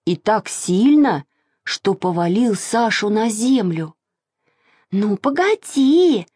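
A woman reading a children's story aloud in an expressive, sing-song way. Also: mid-range voice, slow, no echo, clean studio sound.

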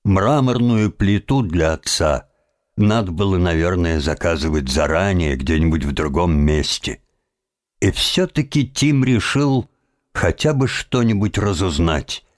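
A man reading a children's novel aloud in a measured, expressive storytelling voice. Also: deep voice, no room sound, clean studio sound. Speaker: audiobook narrator. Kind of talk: scripted narration.

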